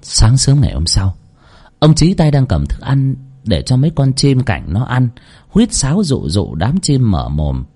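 Male ghost-story narrator, medium pitch, voice rising and falling widely. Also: wildly swooping pitch, unhurried, warm tone, breathy edge. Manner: dramatic, swooping delivery.

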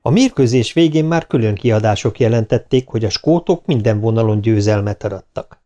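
Male narrator, animated, dry close sound, audiobook reading. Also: lowish voice, dry recording, dull audio.

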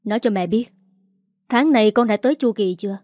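A woman's voice: brisk, a little mellow, dry recording, studio quality, natural voice. A woman playing a distraught, scolding mother. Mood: urgent questioning. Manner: scolding, shrill when upset. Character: distraught middle-aged mother, sharp-tongued and anxious.

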